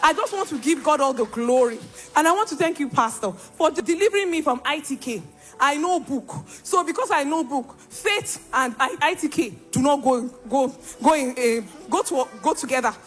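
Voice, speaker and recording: A woman's voice: high voice, lively intonation, normal speed, a bit bright, soft background music. A young woman giving an emphatic church testimony and acting out the dialogue as she tells her story.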